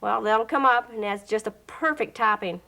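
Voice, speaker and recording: A woman's voice: on the high side, moderate pace, vocal fry, pushed and bright, rough recording. A woman demonstrating a recipe on a 1980s TV show, plainspoken and instructive. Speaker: guest cook. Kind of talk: cooking demonstration. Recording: 1980s TV broadcast audio.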